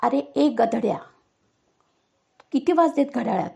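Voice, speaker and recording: A shrill, nagging mother raises her voice in an audio storybook, played by a woman narrator. Her tone is mellow and gravelly under the loudness. The recording sounds slightly dull. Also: a little slow, exaggerated voice. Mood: scolding. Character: stern fed-up middle-aged mother, scolding.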